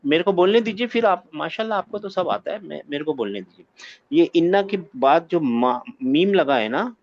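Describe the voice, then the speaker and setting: A man teaches an Arabic grammar class, firing questions at his students and repeating key phrases until they stick. His voice sits a little high for a man. The sound is dry, muffled and lo-fi. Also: lively intonation, moderate pace, no room sound. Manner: quizzes students, repeats phrases, corrects them patiently.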